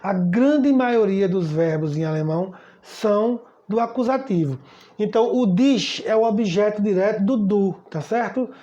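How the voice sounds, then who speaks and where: A man's voice: high voice, a little slow, mellow. A man teaching German in a casual spoken lesson, often asking "tá certo?" and repeating words as he goes. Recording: slightly dull lo-fi sound.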